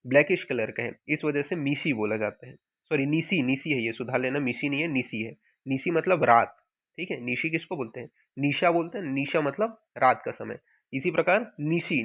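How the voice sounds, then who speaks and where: A man giving an online lecture, explaining step by step and answering his own questions. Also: mid-range voice. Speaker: teacher. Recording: tinny phone-like audio.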